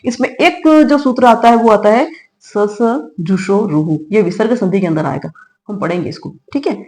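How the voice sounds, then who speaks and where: A middle-aged woman with a medium-pitched, slightly mellow voice delivers a grammar lesson at normal speed, captured on a low-quality recording. She walks through the material step by step, posing questions and answering them herself. In this classroom lecture she keeps checking in with a quick "theek hai," meaning "all right."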